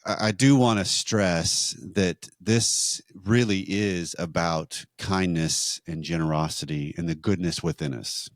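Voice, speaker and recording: A man co-hosting a marriage podcast, teaching in a measured, explanatory way with rhetorical questions. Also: sits low, no room sound, clean studio sound.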